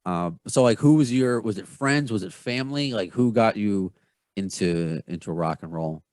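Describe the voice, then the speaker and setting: A man in his thirties with a Long Island New York accent, hosting a podcast in a chatty, rambling, self-deprecating way. His voice is fairly low and sounds dry and close, with no room around it. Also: normal speed, darkish tone, no room sound. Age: 30s. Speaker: podcast host. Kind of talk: casual interview.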